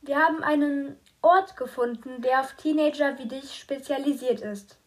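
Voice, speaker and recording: A woman's voice: sits high, lightly acted. Woman reading as a cold, stern mother. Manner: clear, slow, bitter. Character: stern middle-aged mother, cold and controlling. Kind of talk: audiobook reading.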